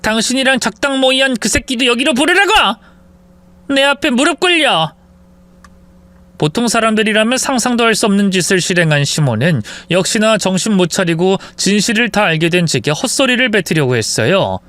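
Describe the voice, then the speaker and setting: A woman's voice: mid-range voice, animated, brisk, fairly bright tone, no echo. A woman telling a dramatic revenge story in the first person, cold and biting in the confrontations.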